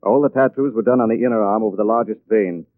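Man as brisk gentleman detective Lamont Cranston. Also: fairly low pitch, no room sound, lightly acted. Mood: composed, explanatory. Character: confident, composed gentleman detective. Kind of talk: 1940s radio drama acting. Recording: tinny old radio recording.

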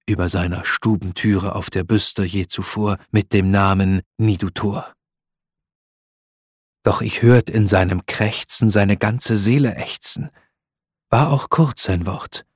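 Husky, slow man reciting dramatic verse. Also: on the low side, no room sound, clean studio sound. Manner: impassioned, swelling to loud outcries. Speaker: professional speaker reciting a poem.

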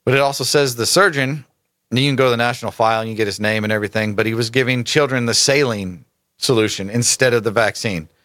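Male commentary host, mid-pitched, emphatic and rhetorical, dry close recording. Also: fast talker, fairly bright tone, no echo. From United States. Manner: emphatic, rhetorical asides, stumbles over names. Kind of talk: casual political commentary, reading articles aloud.

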